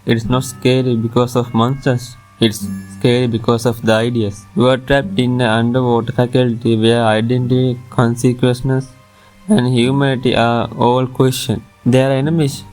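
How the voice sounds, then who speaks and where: A man's voice: mid-range voice, level tone, moderate pace, a little mellow, rough recording. A man reading a scripted top ten countdown as its narrator, with music playing behind him. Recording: music under the voice.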